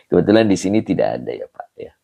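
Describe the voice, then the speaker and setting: A man with a very deep, gravelly voice gives an unhurried livestream lesson on an Islamic text. His delivery is slow and husky, with a slight hoarseness, yet his pitch moves a lot as he stresses Arabic terms. He breaks off to greet viewers from the comments. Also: mellow. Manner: explains Arabic words slowly, then greets viewers from the comments. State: slightly hoarse, clears throat. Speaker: Islamic teacher.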